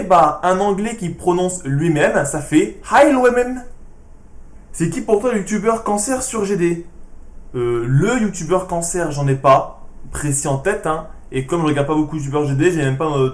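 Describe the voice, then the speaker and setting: A man answering fan questions in a casual vlog, with dry, sarcastic replies in a hushed voice. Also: a little high, roomy sound.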